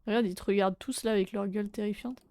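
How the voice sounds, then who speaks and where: A young adult woman streaming a game, chatting casually with viewers in French, swearing and breaking into sudden loud exclamations. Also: medium pitch, fairly even intonation, fast. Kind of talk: casual live game commentary.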